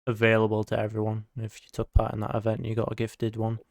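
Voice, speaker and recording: A man's voice: on the low side, completely flat delivery, quick pace, no room sound, clean studio sound. A man hosting a casual gaming podcast, rambling with lots of fillers and the odd swear word. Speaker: podcast host.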